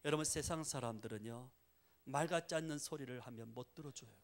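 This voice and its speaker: A middle-aged male pastor preaching a sermon in an animated way, often prompting the congregation with rhetorical questions. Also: mid-range voice, fairly quick.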